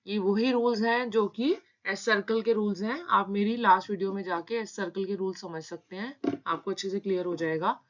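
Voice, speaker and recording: Woman, shorthand tutor, unhurried, spells out each sound, mid pitch, muffled lo-fi audio. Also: fairly even intonation. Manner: slow, patient, spelling out sounds. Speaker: shorthand teacher. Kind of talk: step-by-step tutorial explanation. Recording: dull lo-fi sound.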